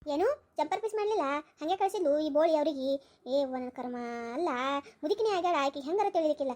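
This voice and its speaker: A woman's voice: high voice, a little fast, dark tone, natural voice. A woman voicing a fussy, bossy old grandmother with a North Karnataka Kannada accent, scolding and grumbling.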